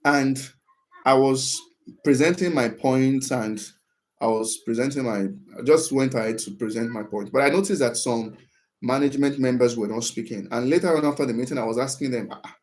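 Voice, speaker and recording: A man's voice: medium pitch, normal speed, a little mellow. Conversational man giving advice. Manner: conversational, often asks "right?" to check in; acts out example phrases in a livelier tone. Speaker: speaker on workplace communication. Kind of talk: casual advice talk.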